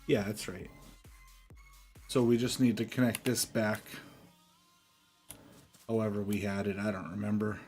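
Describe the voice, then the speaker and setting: A man's voice: fairly low pitch, level tone, measured pace, long pauses, darkish tone, faint music behind. A man doing casual live gameplay commentary, thinking aloud and chatting to viewers as a streamer. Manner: thinking aloud, often chuckling. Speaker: game streamer.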